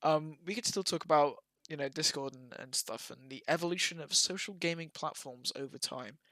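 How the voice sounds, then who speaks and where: Young podcast co-host, slightly high and bright, casual and sweary, recorded close and dry. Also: male voice, a little fast, no room sound. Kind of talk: casual chat.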